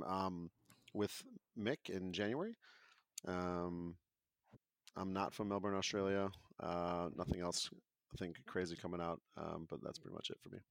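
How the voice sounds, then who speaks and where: A man introducing himself as a podcast guest, low-key and hesitant with many fillers. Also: dry recording. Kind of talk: casual podcast chat.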